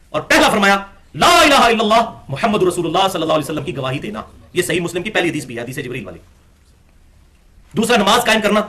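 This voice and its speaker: A man giving a religious lecture, citing books by page and reading passages aloud. His delivery is emphatic, swinging between raised, forceful phrases and low, quiet asides. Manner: emphatic, quotes sources and reads passages aloud.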